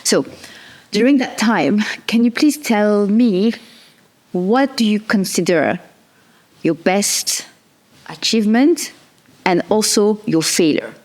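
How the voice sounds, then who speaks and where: A woman hosts a podcast interview and puts her questions to the guest. Her voice sits at a middle pitch. She asks in a polite, deliberate way. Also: a little mellow.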